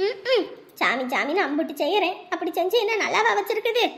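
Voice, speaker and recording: A woman with a very high, piercing voice plays a mother in a family drama. She speaks in an emotional, tearful, scolding way. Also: very animated, fairly quick, a bit bright. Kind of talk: scripted village family drama.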